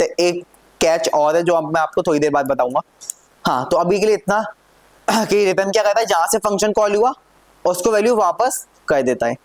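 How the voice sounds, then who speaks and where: A man teaching a live programming lesson, talking through code step by step and often asking his students whether it is clear. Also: high voice, dry recording. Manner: checks in often with questions to students. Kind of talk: live classroom coding lesson.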